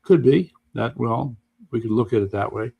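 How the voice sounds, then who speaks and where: A man hosting a casual news and chat stream, talking in an unhurried way with dry asides. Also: mid-range voice, gravelly, breathy edge, narrow, tinny audio. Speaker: podcast host.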